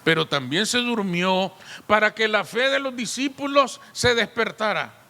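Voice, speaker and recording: Male pastor, very high bright voice, preaching with rhetorical questions, church hall reverb. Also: lively intonation, measured pace. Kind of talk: sermon.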